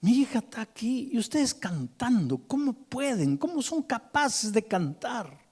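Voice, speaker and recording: A man's voice: medium pitch, steady tone, unhurried, slightly rough. A preacher acting out a shattered, raging father. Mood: anguished, accusing. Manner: bitter shouting, then sobbing pleas. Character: grieving angry middle-aged father.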